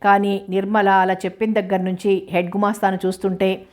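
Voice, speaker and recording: A woman reads a story aloud at a measured pace. Her voice stays level throughout, with little change in pitch, and her delivery is steady and even. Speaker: narrator. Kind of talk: storytelling narration.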